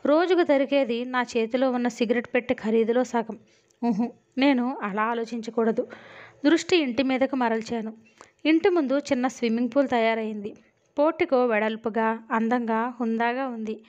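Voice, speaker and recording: A woman narrating a novel as an audiobook, with steady and expressive storytelling. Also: a little high, normal speed. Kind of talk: dramatic novel reading. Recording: dull lo-fi audio.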